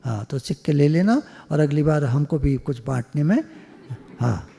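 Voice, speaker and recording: A man giving a devotional satsang talk in a high yet mellow voice, chatty and teasing, slipping English words into his speech. The sound carries a long hall reverb. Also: expressive, moderate pace, creaky. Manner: conversational, joking, mixes English words. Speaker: spiritual speaker.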